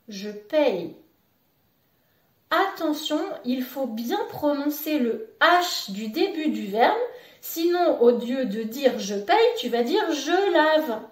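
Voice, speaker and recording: A woman teaching a beginner Japanese lesson in French, slowly and patiently repeating each word for the learner to say after her. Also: high-pitched, distant mic. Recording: roomy echo, voice a bit off-mic.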